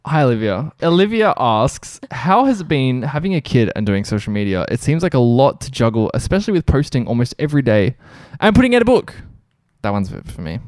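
A man's voice: mid-range voice, sing-song, a little fast, darkish tone, dry recording, studio quality. A young man co-hosting a podcast, rambling through casual chat from a living room, laughing often and swearing casually. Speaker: podcast co-host.

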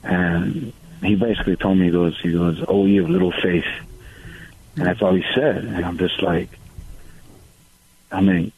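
A man's voice: sits low, normal speed, vocal fry, long pauses. A man calling in to a radio show over the phone, talking in a hesitant, rambling way with lots of fillers. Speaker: caller. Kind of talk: call-in radio conversation. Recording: tinny phone line on radio.

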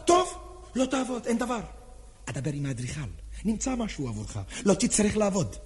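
A man's voice: high voice, big pitch swings, husky, full character voice. An actor playing an anxious, earnest man who pleads and rambles with nervous laughs in a stage drama. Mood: anxious pleading. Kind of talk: theatrical drama acting.

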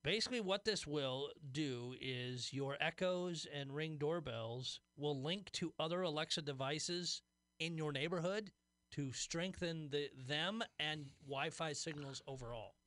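A man's voice: fairly high pitch, measured pace, fairly bright tone, dry recording. A man co-hosting a talk radio show, reading tech news items aloud with a wry, amused edge.

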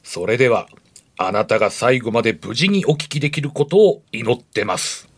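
A man's voice: medium pitch, very animated, normal speed. A man co-hosting a radio show, giving polite scripted introductions and reactions. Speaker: radio co-host, pro wrestler.

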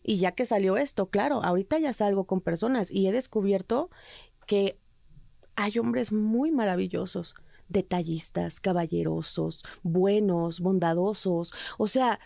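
A woman's voice: medium pitch, a little slow, gravelly, dark tone, no room sound, studio quality. A Mexican woman with a Mexican accent, an interview guest telling her story earnestly and emotionally, often restarting her sentences. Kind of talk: candid personal interview.

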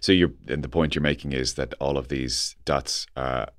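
A man's voice: extremely low pitch, steady tone, moderate pace, no room sound, clean studio sound. A man hosting an interview in a casual, chatty way, with wry, teasing asides. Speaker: podcast interviewer, host.

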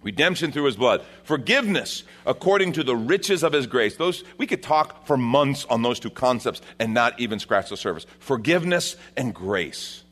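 A man, the senior pastor of a church, preaching a sermon at a pulpit microphone in a conversational way, rising for emphasis and dropping low for quieter points. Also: sing-song, moderate pace, few pauses.

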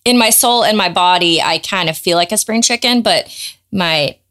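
A middle-aged woman hosting a podcast in loose, excitable casual chat, quick to laugh. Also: on the low side. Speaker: podcast host.

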